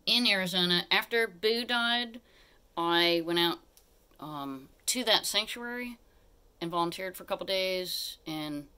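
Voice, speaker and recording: Bright-voiced woman vlogging in a small room. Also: fairly low pitch. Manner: chatty, easily sidetracked. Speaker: vlogger giving a home tour. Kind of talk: casual rambling live narration. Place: small furnished living room, indoors. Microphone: handheld phone held by the person filming.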